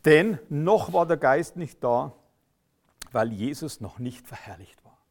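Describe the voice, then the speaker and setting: A man preaching a sermon, emphatic, swinging from loud outbursts to quiet intensity. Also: fairly high pitch, expressive, unhurried.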